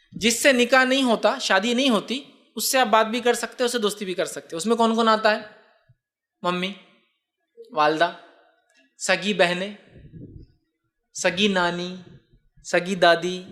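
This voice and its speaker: A man's voice: sits high, a bit bright. A man gives a religious answer to a question. He explains patiently and keeps answering his own rhetorical questions. His talk moves easily between words and English ones. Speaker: Islamic speaker.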